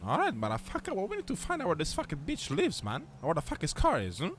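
A man's voice: on the high side, huge pitch swings, fast, a little hiss or hum. A man voicing a crude, foul-mouthed young street hustler in a video game role-play. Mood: mocking. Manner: crude, swearing, mocking.

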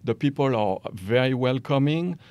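A man from France in his forties, founder of a company, guests on a podcast interview from an armchair in a small, dark studio, with a boom-stand studio microphone. He has a French accent, a medium pitch, and a normal speaking speed, with no echo. Animated, he gestures with both hands and often hesitates with fillers.

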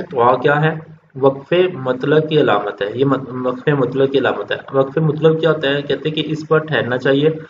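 Patient male Quran teacher, lo-fi. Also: mid-range voice. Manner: patient, explaining step by step, repeats points. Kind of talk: recorded religious lesson for children. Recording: dull lo-fi recording with faint noise.

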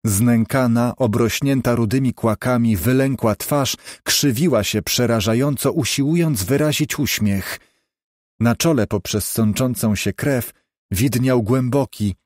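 A man narrating a novel in a steady, measured reading. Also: mid-range voice, dry recording, studio quality. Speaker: audiobook narrator. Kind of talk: scripted narration.

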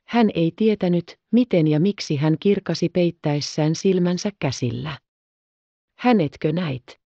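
A woman narrating an audiobook in a calm, measured reading. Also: on the low side, no room sound, muffled recording. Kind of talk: scripted narration.

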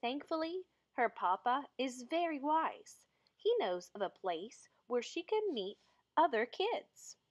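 A woman with a high-sitting voice reads a children's picture book aloud, telling the story in an expressive, deliberate way.

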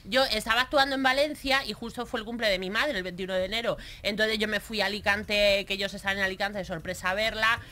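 A woman chatting on a podcast, telling a story in an expressive, laughing way. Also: medium pitch, fast talker, few pauses, a little hiss or hum. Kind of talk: casual chat, animated storytelling.

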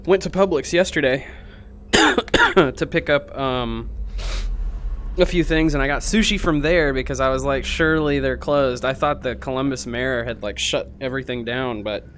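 A man's voice: medium pitch, normal speed, fairly bright tone, a little hiss or hum. A young man streaming a VR game, chatting casually and swearing with his viewers over a headset mic. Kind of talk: casual live-stream chat.

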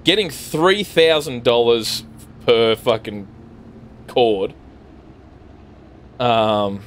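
Speaking very slowly in an animated mid-range voice, with slight background noise, an Australian-accented streamer chats to his viewers. He's driving in a farming game, rambling through casual let's-play commentary and swearing freely.

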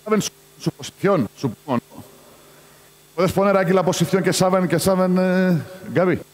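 A high-voiced man speaking at a normal pace runs a basketball coaching clinic in Spanish, which isn't his native language. He gives choppy instructions and calls out to players across the court. The recording comes from a large indoor arena, and the sports hall echoes.

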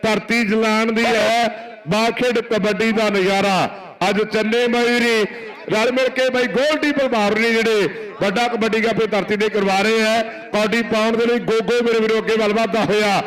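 Male Punjabi kabaddi commentator, very high-pitched, frantic and declamatory, village-tournament announcer delivery. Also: steady tone, moderate pace, fairly bright tone, low-quality recording. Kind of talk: rural sports commentary and announcements over a PA.

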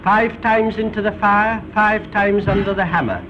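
A British documentary narrator with a high-pitched voice delivers formal, precise scripted narration a little slowly, in the theatrical manner of a 1930s educational film. The old film soundtrack is dull with a noisy background.

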